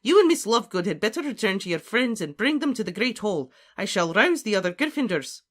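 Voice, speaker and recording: An audiobook narrator voicing a stern, commanding woman professor of witchcraft, crisp and imperious, in a storybook reading. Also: medium pitch, sing-song, fairly quick, fairly bright tone, voice pushed up. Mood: urgent, rallying.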